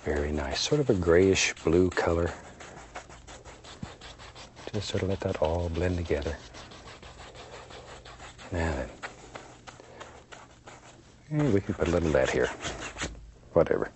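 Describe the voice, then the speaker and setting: A low-pitched man speaks as a gentle painting instructor, soothing and unhurried. He talks the viewer through each step off the cuff, with folksy, playful encouragement. Noticeable background noise sits behind his voice. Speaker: painting instructor, show host. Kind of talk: unscripted step-by-step painting demonstration.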